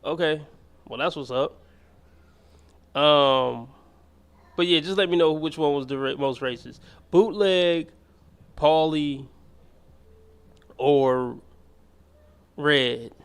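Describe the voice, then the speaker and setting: Guy hosting a stream, rambly and slangy, kinda higher voice. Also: slow pace, long pauses, smooth. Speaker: livestream host. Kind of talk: casual chat reacting to chat and a clip.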